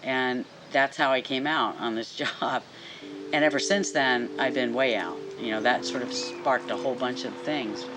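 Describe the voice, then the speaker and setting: A woman's voice: a bass voice, normal speed, over music, rough recording. A woman police officer giving a documentary interview, earnestly retelling a story with vivid quoted dialogue.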